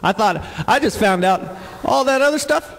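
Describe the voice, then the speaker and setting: A man in his forties doing live stand-up comedy before an audience, playful with drawn-out punchlines. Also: very high-pitched, animated, creaky, in a large hall, low-quality recording. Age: 40s. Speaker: comedian and singer.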